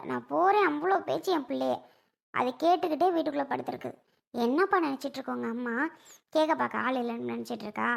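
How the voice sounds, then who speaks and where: A woman's voice: high voice, creaky. A woman playing a middle-aged mother who scolds her son-in-law on her daughter's behalf, indignant and firing off questions. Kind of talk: village family skit.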